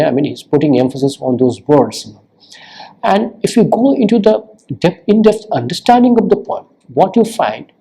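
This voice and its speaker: A man giving a recorded literature lecture, explaining slowly, repeating words for emphasis and filling pauses with "you know" and "uh". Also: medium pitch, dark tone, breathy edge, low-quality recording.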